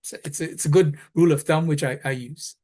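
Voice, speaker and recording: A man giving practical advice on a webinar panel, pausing often with "uh" and restarting his sentences. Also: a little high, fairly even intonation, a little mellow. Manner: hesitant, with many "uh" restarts, friendly advice. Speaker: advisor on a panel. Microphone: video call.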